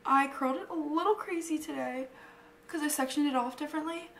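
A bubbly college girl in her early 20s chats away in sorority style while getting ready for a vlog, her higher-pitched voice fairly quick and bright. She talks to a handheld or propped vlog camera set some distance off, in small echoey rooms of an apartment and house. The sound is roomy, with a faint hum of background noise.

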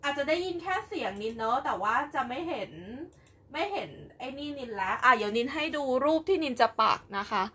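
A woman's voice: sits high, expressive, brisk, a bit bright, husky. A young woman chatting casually on a live stream while preparing an embroidery project, giggly and talkative. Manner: chatty and giggly, with frequent laughs and repeated words.

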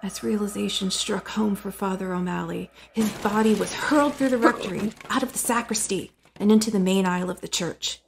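A woman reads a dramatic horror tale from a script, her voice edged with gravelly fry. She often sinks into hushed whispers, with faint noise beneath her. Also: medium pitch, fairly quick, hardly any pauses. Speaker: narrator.

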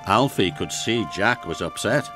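Give me a man reading a children's story slowly, over clear background music. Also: on the low side. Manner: slow, lively storytelling. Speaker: narrator. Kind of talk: storybook narration.

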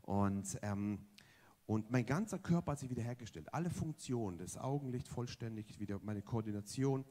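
A man preaches in a church service, his voice leaping high on one phrase and dropping low on the next. He builds his testimony through repetition and strong contrasts. His pitch moves very freely across the whole sermon. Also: expressive, normal speed, warm tone. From Germany. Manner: emphatic, rising and falling contrasts, repeats phrases.

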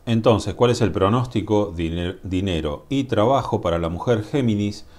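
A man with a Rioplatense Spanish accent reading tarot cards to camera in a musing, drawn-out way, often asking "mm?" to the viewer. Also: on the low side, darkish tone. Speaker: tarot reader. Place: indoors at a table. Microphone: camera above the table, speaker off-screen.

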